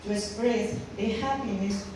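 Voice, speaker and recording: A woman's voice: medium pitch, normal speed. A woman from the Dominican Republic giving a formal graduation speech, earnest, reading with small slips. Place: large hall. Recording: echoey hall from far off, faint noise.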